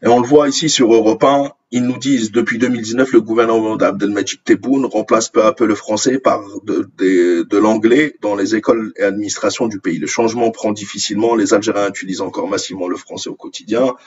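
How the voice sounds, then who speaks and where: An Algerian man and native Arabic speaker, working as an online commentator, reads news articles aloud and delivers opinionated, indignant remarks, hammering home phrases through repetition. His slightly low voice is rough and husky, fairly even in intonation, a little fast and with few pauses. The recording is slightly muffled and lo-fi.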